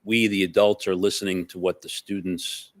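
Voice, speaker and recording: A man from the school administration speaking at a meeting in a halting way that repeats words. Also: sits low, level tone, no echo. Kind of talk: meeting discussion.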